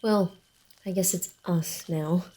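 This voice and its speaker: This soft ASMR roleplay features a woman as a wary, dryly teasing vampire, her lowish voice fairly even in intonation and unhurried. She often lowers to a whisper and sounds grumbling and hesitant.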